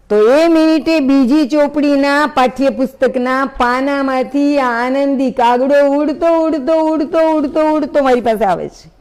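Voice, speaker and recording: A woman giving a storytelling talk to an audience, lively and speaking straight to her listeners. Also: high-pitched. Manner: lively, acts out story voices, addresses listeners directly.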